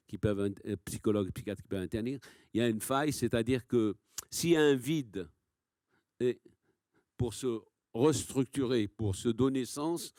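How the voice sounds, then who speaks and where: A man's voice: medium pitch, darkish tone, no echo, clean studio sound. A man answering as a conference panelist, explaining in a didactic way with repeated phrases and rhetorical questions.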